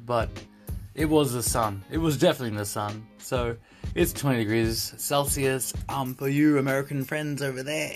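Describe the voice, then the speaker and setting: A man hosting a casual solo podcast, rambling and jokey, repeating phrases for emphasis. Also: medium pitch. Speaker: podcast host. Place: indoor room in Tokyo.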